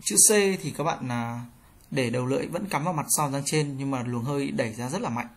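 A teacher gives an online language lesson. The teacher explains in a plain tone, then calls out drill syllables higher and louder. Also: fairly quick, breathy edge.

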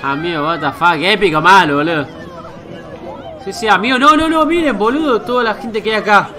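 An Argentine streamer reacts live to clips, excitable and casually profane, stopping to greet his chat. His voice sits a bit high and sounds bright and sharp. There is a faint noise behind him. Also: brisk, a faint crowd. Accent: Argentine Spanish.

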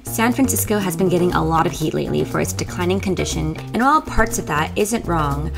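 A woman's voice: on the low side, lively intonation, brisk, gravelly. A young woman hosting her own food vlog, chatty and enthusiastic, narrating over background music. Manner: bubbly, enthusiastic food reviewer. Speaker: vlogger host.

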